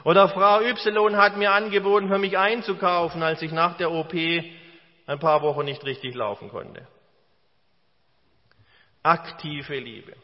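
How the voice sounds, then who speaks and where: Slow, deliberate German-language preacher in a hall. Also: male voice, on the high side, steady tone. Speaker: pastor. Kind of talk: sermon. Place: church. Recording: dull, reverberant church hall recording.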